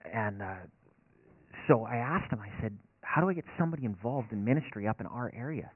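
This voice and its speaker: A man in his thirties preaches as a racetrack chaplain, telling a homespun story in an earnest, self-deprecating way. His voice sits at an ordinary middle pitch. The sound is dry and thin, like it came through a phone line. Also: lively intonation, fairly quick, breathy edge, no room sound. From northern Alberta. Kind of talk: storytelling sermon.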